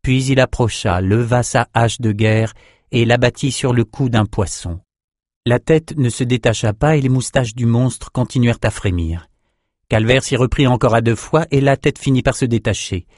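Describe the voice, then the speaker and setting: A man narrating an audiobook in a measured, steady reading style. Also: mid-range voice, dry recording, studio quality. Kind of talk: scripted narration.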